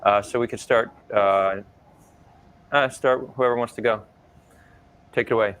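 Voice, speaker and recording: A man hosting and moderating an online roundtable over a video call, brisk and upbeat with a few fillers. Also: medium pitch, fairly even intonation, a bit bright, smooth. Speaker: host.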